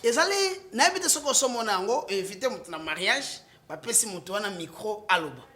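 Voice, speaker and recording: A man's voice: high-pitched, animated, quick pace. Congolese-accented male political guest; impassioned, emphatic, swings between French and Lingala. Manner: emphatic, rising to loud outbursts, with restarts. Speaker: political guest, party supporter.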